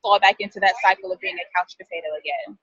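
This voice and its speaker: A woman's voice: mid-range voice, fairly even intonation, fast talker, fairly bright tone, breathy edge, no echo, dull audio. A woman in her thirties talking as an interview guest, chatty and thoughtful, often correcting herself mid-sentence. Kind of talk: casual interview talk.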